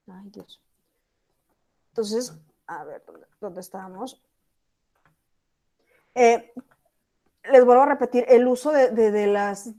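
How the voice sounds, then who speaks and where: A female teacher gives an online lesson in a slightly high voice. She explains patiently and keeps checking in with her students. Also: a little mellow. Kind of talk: online class lecture.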